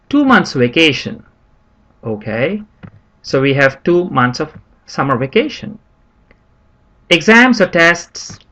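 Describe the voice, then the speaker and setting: Friendly male lesson host. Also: fairly high pitch. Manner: friendly, addresses viewers as friends, lively rising emphasis. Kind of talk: introductory maths lesson. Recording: dull lo-fi voice-over.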